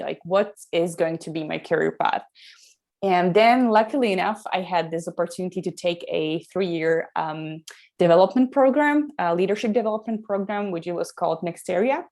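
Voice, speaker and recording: A woman's voice: on the low side, darkish tone. A young Slovak woman speaking English with a Slovak accent, answering interview questions in a friendly way with many ums and restarts. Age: young adult. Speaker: guest, company co-founder.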